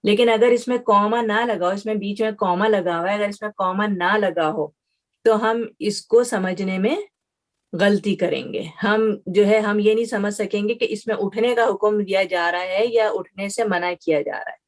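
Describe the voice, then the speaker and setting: A woman's voice: mid-range voice, fairly even intonation. Woman teacher; patient, methodical online class lecture, English words sprinkled in, frequent check-in questions. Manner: patient, explains step by step with examples and check-in questions; mixes English words into her speech.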